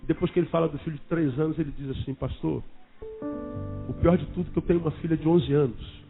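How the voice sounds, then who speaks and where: A man's voice: on the high side, steady tone, fast, creaky. Man preaching over phone-like audio. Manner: dramatic storytelling, swings from loud to hushed. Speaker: pastor. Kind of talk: sermon. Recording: phone-like sound with faint music.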